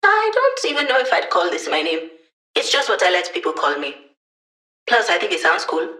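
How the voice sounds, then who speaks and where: A woman's voice: lowish voice, huge pitch swings, normal speed, sharp tone, heavily acted. An actress playing a quirky young female hacker who lives inside computer networks, chatty, wry and techy, in a video game. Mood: breezy, playful. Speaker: mission support character giving tips and updates.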